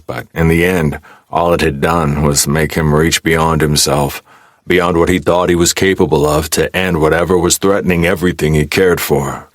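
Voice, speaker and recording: A man narrating a post-apocalyptic fantasy audiobook in a steady, wry storytelling manner. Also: extremely low pitch, dry recording, clean studio sound. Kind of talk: scripted narration.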